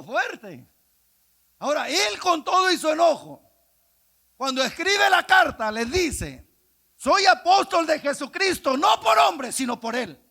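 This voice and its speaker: A male evangelist preaching a sermon, swinging from hushed speech to impassioned shouting. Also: extremely high pitch, creaky. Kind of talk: Pentecostal-style sermon.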